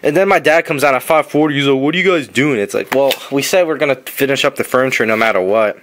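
A man's voice: medium pitch, fast, a bit bright, slight background noise. A young man hosting a card pack opening, telling long, profane, rambling stories in casual chat in a basement. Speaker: host opening trading card packs. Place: basement room.

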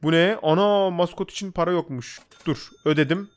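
Excitable male gamer narrating his own play, rapid delivery, slightly high pitch. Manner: excitable, talks to himself and the viewers. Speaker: gaming YouTuber. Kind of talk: casual gameplay commentary.

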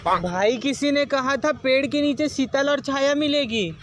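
A man's voice: extremely high pitch, unhurried, slight background noise. A man acting in short comedy skits, bantering in a jokey way. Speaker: comedy sketch performer. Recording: loud music under voice.

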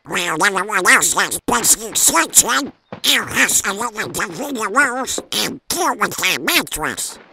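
An irritable, scheming male cartoon duck with a squawky duck voice. It is piercingly bright and gravelly, garbled and full of theatrical bluster. The delivery is slow and grandiose. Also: mid-range voice, very animated, slight background noise, full character voice. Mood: sly. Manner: theatrical self-narration, blustering. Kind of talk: amateur comic dub acting.

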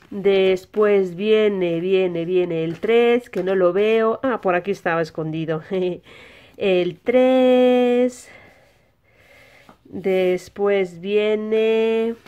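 This children's toy channel host is a woman with an accent from Spain, teaching a simple lesson in child-directed speech and supplying answers to her own questions. The audio loses its highs, and her mid-range voice is a little mellow.

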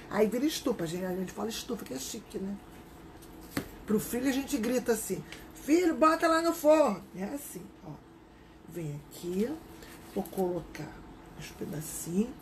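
A woman's voice: medium pitch, lively intonation, measured pace, long pauses, a little mellow, a little hiss or hum, rough recording. A woman with a Rio de Janeiro accent, teaching a live craft class in a chatty, casual way and greeting viewers by name. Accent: Rio de Janeiro Portuguese.

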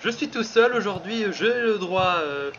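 A high, lively voice with big swings in pitch as a man calls his own football video game match, getting carried away with shouts and laughter, then talking himself back into focus. The sound is muffled and lo-fi, with a steady hiss of background noise underneath. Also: a little slow. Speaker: gaming channel host.

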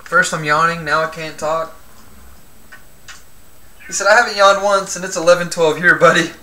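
A man's voice: fairly high pitch, fairly even intonation, moderate pace, sharp tone, slight background noise. A man hosting a live stream, reading player names off cards as he opens them and chatting with viewers in between. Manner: reads names aloud, chats with viewers, jokes about yawning. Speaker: card break host. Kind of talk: live-stream commentary while opening cards.

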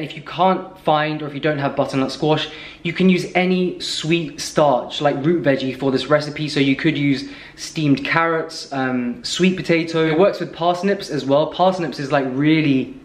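A man in his thirties with a British accent, chatting casually and self-mockingly to a handheld camera in his home kitchen and living room. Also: a little high. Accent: British English. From United Kingdom. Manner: rambling, self-mocking, talks straight to camera. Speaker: vlogger. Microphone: handheld camera at arm's length. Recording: echoey room.

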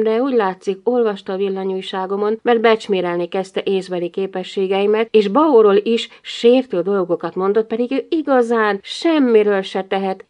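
A woman narrating a humorous novel in the first person, with a wry, lively delivery. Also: mid-range voice. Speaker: audiobook narrator.

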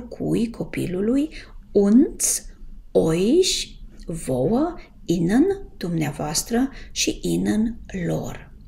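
A woman teaching a casual language lesson, greeting her viewers and slowly drawing out the example words she wants them to pronounce. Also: mid-range voice, vocal fry, mellow. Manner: patient, drawn-out pronunciation of example words. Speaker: German teacher.

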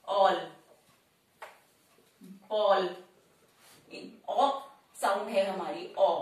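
Slow, echoey woman teaching shorthand. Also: fairly high pitch, far from the mic. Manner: repeats each sound and word slowly. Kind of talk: slow step-by-step tutorial. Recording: very echoey room, voice off-mic.

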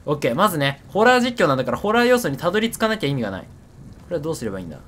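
A man's voice: a little high, sing-song, very fast, fairly bright tone. A man giving casual, chattery game commentary, repeating his words and poking fun at himself. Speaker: horror game streamer.

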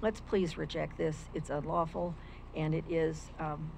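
An older US woman with a deep, steady, a little slow voice, gravelly and darkish in tone, reads a prepared legal argument as public comment at a county meeting. Indoors at a lectern with a stand microphone, she's formal and argumentative, quoting legal texts, with a little hiss or hum.

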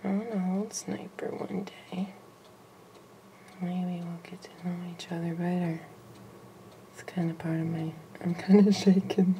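A young woman talks slowly and gently on a home camera, often dropping to a whisper and coaxing with a light giggle. Her voice sits a bit low for a woman. A steady hiss of background noise runs under the recording. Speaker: animal caretaker filming a pet lizard. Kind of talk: casual home video narration.

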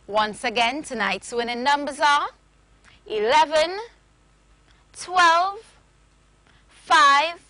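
A young woman works as a lottery draw host on television, reading a formal script. Her voice is high and bright, with lively swings in pitch. She announces each phrase in a measured presenter style. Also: no room sound. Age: young adult. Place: TV studio.

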